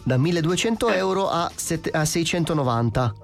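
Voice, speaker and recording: A man's voice: a little high, expressive, moderate pace, vocal fry, soft background music. A man playing a chatty, brazenly polite online-shop salesman in radio prank-call patter, formal and insistent. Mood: polite, businesslike. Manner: formal, insistent, overly courteous.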